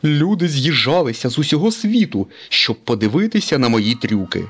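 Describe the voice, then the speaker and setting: A man voicing a boastful male tow truck daredevil in a storybook reading, in a high squealing voice with brash exclamations. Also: sing-song, normal speed, husky. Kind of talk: storybook character voice.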